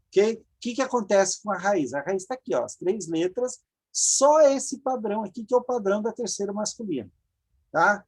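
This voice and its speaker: A woman's voice: medium pitch, expressive, normal speed, a little mellow, husky. A Brazilian woman teaching a Hebrew grammar class over a video call, explaining patiently and repeating forms for her students. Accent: Brazilian Portuguese. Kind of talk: online grammar lecture.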